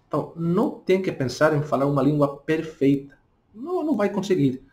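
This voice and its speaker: A man speaking with a Spanish accent, a native Spanish speaker who gives a casual spoken lesson, talking slowly and tagging his points with little questions. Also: fairly high pitch, very animated, a little mellow. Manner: talks deliberately slowly, tags questions with "não?". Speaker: language teacher.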